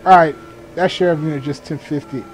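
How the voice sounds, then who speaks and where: A gamer in the role of a sheriff's deputy improvises police radio call-outs, pairing clipped procedural terms with casual muttered asides. His fairly high-pitched voice is brisk and fairly even. The low-quality recording carries slight background noise plus game vehicle and ambient sounds.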